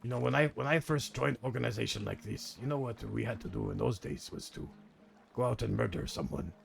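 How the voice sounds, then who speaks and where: A man playing a grumpy, weary old crime organization veteran in an online role-play game, speaking gravely and haltingly in a gravelly voice. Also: medium pitch, soft background music. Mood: grumpy, confiding.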